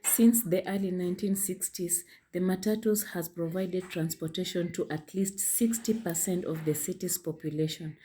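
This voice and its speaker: A woman reading a scripted narration in a measured, formal way. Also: on the low side, steady tone, warm tone, breathy edge. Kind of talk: scripted narration, read aloud.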